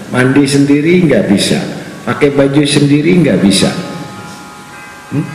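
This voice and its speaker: Slow-talking preacher man in echoey hall. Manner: humorous, acts out crying worshippers in high voices. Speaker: religious teacher. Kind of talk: Quran commentary sermon. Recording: echoey hall, faint noise.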